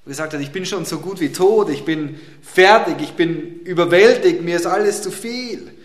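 A man preaching a sermon who swings dramatically between loud, emphatic lines and hushed, quiet ones. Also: high-pitched, normal speed. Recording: roomy echo.

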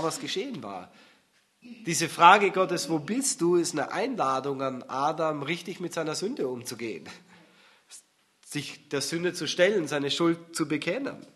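Slow, earnest male preacher. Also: a little high, fairly bright tone. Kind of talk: sermon with scripture reading.

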